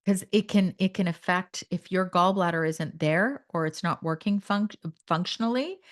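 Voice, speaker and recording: Emphatic woman hosting a nutrition podcast. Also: on the low side. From Canada. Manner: emphatic, animated. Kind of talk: health podcast talk.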